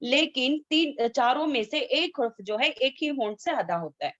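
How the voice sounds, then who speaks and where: A woman teaching Quran recitation in an online class, asking students questions and slowly drilling sounds. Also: high-pitched, expressive, fairly bright tone, no echo. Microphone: video call. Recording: dull lo-fi video call audio.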